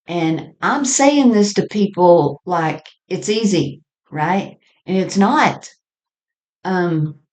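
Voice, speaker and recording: A woman podcast host with a low-pitched, darkish voice delivers an unscripted spiritual monologue on her own. She speaks very slowly and reflectively, halting and often letting a thought trail off before picking up the next.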